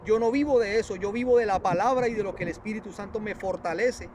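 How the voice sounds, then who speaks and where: A preacher telling a religious testimony in a halting, repetitive way, often addressing his listeners as brothers. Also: sits high, darkish tone, a little hiss or hum. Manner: earnest, repetitive, halting storytelling with many restarts.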